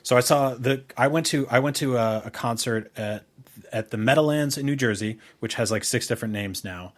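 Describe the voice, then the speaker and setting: A man with a mid-range voice talks a little fast as a podcast co-host. In a casual chat he reminisces about music, rambling informally through memories and opinions and swearing now and then.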